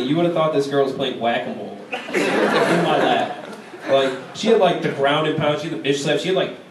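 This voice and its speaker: Young American comedian, echoey distant live recording. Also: male voice, on the high side, very noisy. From Chicago, United States. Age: young adult. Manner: casual, conversational delivery with frequent "like". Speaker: stand-up comedian. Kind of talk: stand-up comedy set. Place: live stand-up show in a university venue. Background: crowd laughter.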